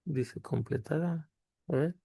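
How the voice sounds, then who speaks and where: Hombre de voz rasposa y grave. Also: male voice, fairly high pitch, warm tone, dry recording, clean studio sound. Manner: halting explanation, pausing with tag questions. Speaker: tutorial host. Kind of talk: screen-recorded software tutorial.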